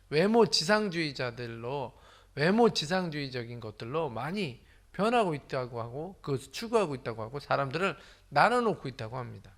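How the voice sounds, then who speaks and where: Animated Korean pastor with a lively pitch. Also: male voice. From Incheon, South Korea. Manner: animated storyteller acting out quoted voices and dialects. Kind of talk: sermon with humor and anecdotes.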